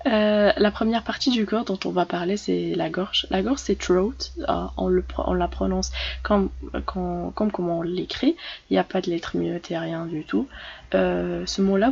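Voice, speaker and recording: A woman teaching English words in a relaxed, casual lesson, often stopping and starting over with small fillers. Her voice has a gravelly fry, and the recording sounds a little dull with faint noise in the background. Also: on the low side. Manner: hesitant, many fillers and restarts. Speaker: English teacher for French speakers.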